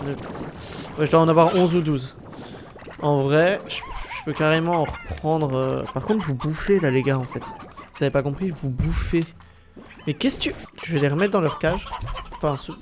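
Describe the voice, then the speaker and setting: A man with a blocked, nasal-sounding nose, giving casual, slangy, sweary gameplay commentary to his viewers. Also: a little high. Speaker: gaming video host. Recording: background noise behind voice.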